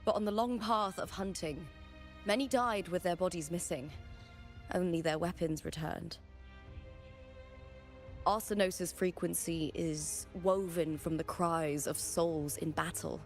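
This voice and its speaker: A proud young warrior woman from a fantasy video game. Her voice sits a little low, with clear music underneath. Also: fairly even intonation, unhurried. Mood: solemn, reverent.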